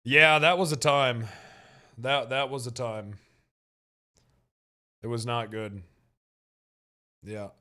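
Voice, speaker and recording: A man's voice: mid-range voice, fairly even intonation, slow pace, long pauses, pushed and bright. A man in his thirties hosting a casual podcast chat, joking and swearing, often restarting his sentences. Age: 30s. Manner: joking, profane, rambling with restarts. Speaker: podcast host.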